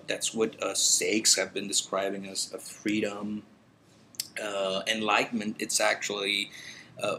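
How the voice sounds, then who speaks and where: Rambling low-voiced man from El Salvador. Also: creaky, fairly bright tone, a little hiss or hum, poor audio. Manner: rambling, hesitant, many fillers and restarts. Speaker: meditation vlogger. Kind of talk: casual spoken vlog. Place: meditation center indoors. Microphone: talking into a computer.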